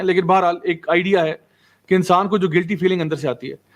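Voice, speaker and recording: A man teaching Quran commentary, building his points with everyday examples and rhetorical questions, and mixing English terms into his talk. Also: high-pitched. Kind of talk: religious lecture explaining Quran verses.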